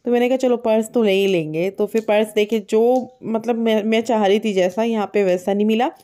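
A woman's voice: on the high side, fairly even intonation, fairly quick, dark tone. A woman in her thirties narrating a family vlog, chatting in a homely way about prices and shopping, filmed on a phone held at arm's length. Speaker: family vlogger. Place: busy indoor shopping mall.

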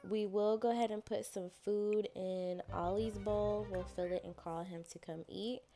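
A woman's voice: medium pitch, steady tone, measured pace, dark tone, soft background music. A woman casually commenting on her life-simulation game, chatty and playful, often voicing what her characters think. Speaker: gameplay narrator. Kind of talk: casual let's-play commentary.

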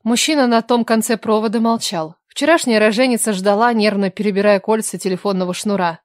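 A woman narrating a romance audiobook in a measured, even storytelling manner. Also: mid-range voice, no echo, clean studio sound. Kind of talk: scripted narration.

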